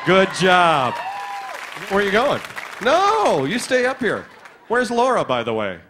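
A man in his forties, a game show announcer, warming up a studio audience and touring backstage in an energetic, playful way. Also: high voice, unhurried, crowd noise, noisy background. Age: 40s. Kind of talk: audience warm-up and backstage tour. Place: large TV studio stage with audience.

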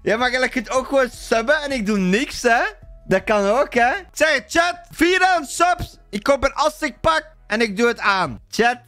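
A young man streaming live, talking excitably to his chat and shouting now and then. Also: extremely high pitch, moderate pace, faint music behind.

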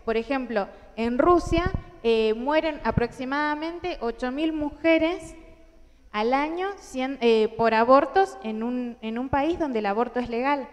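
Unhurried and high-pitched, a young Argentine conference speaker addresses a large audience in a big indoor hall. She speaks earnestly in an Argentine Spanish accent with many fillers and restarts, and the recording echoes with hall reverb.

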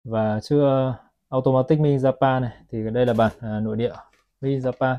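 A man's voice: medium pitch, fairly even intonation, a little fast, dark tone, smooth, lo-fi sound. A man selling watches, chatting to his viewers as he films a product review on his phone. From Vietnam. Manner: chatty, keeps addressing viewers as "các bác". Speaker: watch seller.

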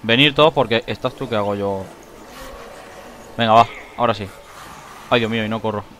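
A man giving excitable let's play commentary, shrieking when he panics. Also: fairly low pitch, fairly quick, slight background noise. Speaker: gaming YouTuber.

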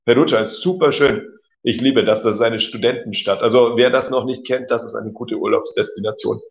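Brisk and creaky, this man's medium-pitched voice keeps a fairly even intonation. He teaches German on a casual livestream, chatting, reading and correcting viewer comments, and laughing often. Slightly dull lo-fi audio.

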